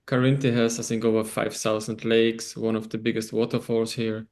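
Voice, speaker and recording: Austrian German-accented man, gravelly voice. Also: fairly low pitch, level tone, a little mellow. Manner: laughs often, rambling with frequent pauses. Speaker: guest. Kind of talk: casual interview over video call. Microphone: video call.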